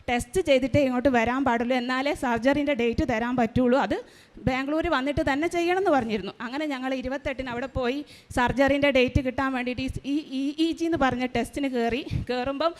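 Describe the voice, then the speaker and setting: A woman with a high voice gives an earnest personal testimony at a shrine service. She tells her story haltingly, breaking off and restarting her sentences. Her voice rings with the long echo of a large church hall. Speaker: mother giving a testimony.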